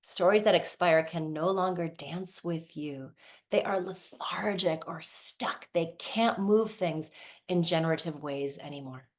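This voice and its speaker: Speaking a little slowly in a fairly low voice, a somatic practitioner in her forties leads a reflective workshop talk. Originally from Lebanon, she grew up in the US and keeps asking "right?" to check in.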